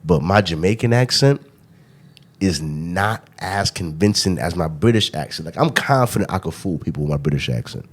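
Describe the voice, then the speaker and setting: With a low voice and lively intonation at a normal speed, this young podcast host chats casually. He tells loose stories and keeps checking in with "you know what I mean."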